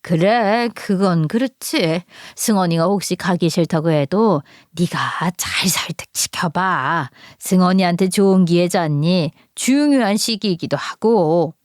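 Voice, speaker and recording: A woman voicing an older mother-in-law who speaks softly and persuasively in a half-whisper. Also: lowish voice, no room sound, clean studio sound, lightly acted. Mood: coaxing. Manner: soft, half-whispered, measured.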